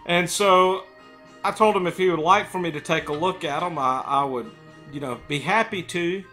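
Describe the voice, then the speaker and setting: A middle-aged man spins a casual tale to camera in an indoor room. His voice sits a little high with a bright, forward edge, and he often speaks with a pipe between his lips. Faint music plays behind him. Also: normal speed. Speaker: storyteller. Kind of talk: casual storytelling monologue to camera.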